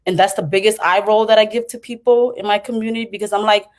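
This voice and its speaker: A woman's voice: mid-range voice, steady tone, quick pace. A middle-aged woman from Cambodia, speaking on a panel about her life and community work. She talks passionately and circles back on her thoughts, with many fillers and restarts. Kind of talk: personal storytelling on a panel.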